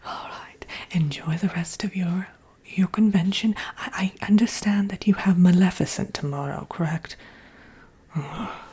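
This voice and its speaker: A woman voicing a vain, sassy witch in a breathy, unhurried ASMR whisper, coy and condescendingly friendly. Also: fairly low pitch. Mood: sly, friendly. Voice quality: breathy, soft-spoken whisper. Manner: unhurried, coy, self-admiring, calls listener dearie.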